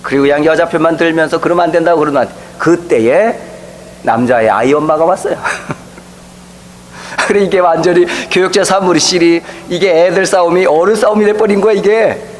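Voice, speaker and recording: A middle-aged man preaches a sermon from the pulpit, his voice sitting fairly high for a man. He tells stories in a lively way and briefly acts out the people he quotes. A faint hum runs under the recording. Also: normal speed, low-quality recording. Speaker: pastor. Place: church sanctuary.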